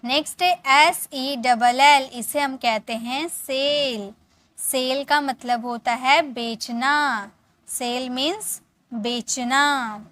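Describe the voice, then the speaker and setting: High-voiced woman teaching English. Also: fairly bright tone. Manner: repeats words slowly and checks in with students. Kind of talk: spoken English lesson.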